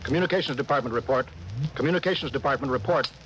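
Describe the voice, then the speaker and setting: An actor playing a stern, wary spaceship captain in a 1950s radio drama, giving clipped, authoritative orders. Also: male voice, medium pitch, racing, fairly bright tone, close to an everyday voice. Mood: commanding. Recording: noisy 1950s radio broadcast recording.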